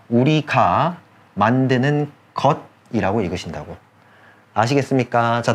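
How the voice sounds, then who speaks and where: A man teaching an English grammar lecture, stopping often to check that students follow and repeating key points. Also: mid-range voice. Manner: drawls key phrases slowly for emphasis. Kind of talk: online lecture.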